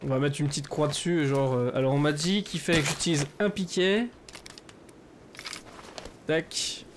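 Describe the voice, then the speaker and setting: Chatty gamer over rainy game sound. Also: male voice, on the high side, moderate pace, a little hiss or hum. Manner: chatty, rambling with many fillers, bursts into loud excited shouting. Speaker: gaming YouTuber. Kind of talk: solo survival game let's play commentary.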